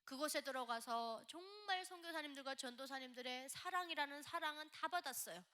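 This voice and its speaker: A woman from North Korea with a North Korean accent, giving an animated church testimony and acting out the quotes in her story. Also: high voice, a little fast. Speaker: guest speaker giving testimony.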